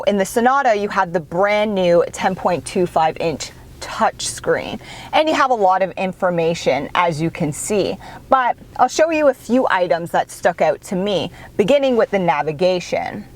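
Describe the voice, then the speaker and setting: A woman reviewing a car, chatty and enthusiastic as she walks through its features. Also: fairly low pitch. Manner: chatty, enthusiastic, with little laughs. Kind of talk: upbeat car review walkthrough.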